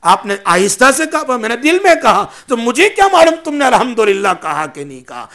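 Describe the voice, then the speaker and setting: A man's voice: very high voice, very animated, a bit bright. A man giving a religious sermon, mixing in English phrases and asking his listeners questions. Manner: asks the audience questions. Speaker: preacher.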